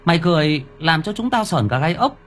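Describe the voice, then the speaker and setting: A man voicing a bunch of mischievous village boys who tease excitedly. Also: fairly high pitch, fairly quick, pitched above the performer's own voice. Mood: teasing. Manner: teasing, excited.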